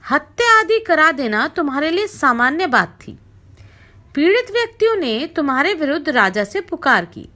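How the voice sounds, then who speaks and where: A woman narrates a scripture story aloud in an expressive recitation, letting her voice dip low whenever the king is addressed.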